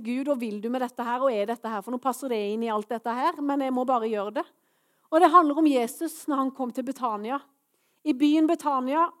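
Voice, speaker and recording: A woman preaching a sermon to her congregation, earnest and rising to fervent proclamation. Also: high voice.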